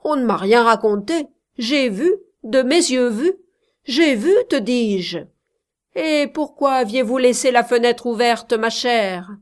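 A jealous young shepherd boils over, loud, contemptuous and threatening, every word weighed out slowly, as a woman reading the tale acts him. The voice sits a touch high for a man, straining upward when he shouts in this storybook reading. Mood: shouting, scornful.

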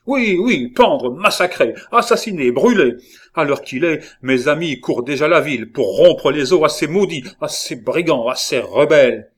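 An agitated, vengeful young king, read by a man pushes his words out loud and insistent, at times pleading. His voice sits in an ordinary male middle range. The audiobook reading keeps an unhurried pace. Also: mid-range voice, expressive. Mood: furious.

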